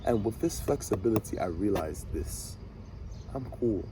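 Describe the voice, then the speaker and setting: A man's voice: on the low side, normal speed, noisy background. Swaggering man in his twenties, preachy. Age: 20s. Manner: animated self-talk, preachy, swaggering. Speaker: vlogger. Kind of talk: motivational monologue.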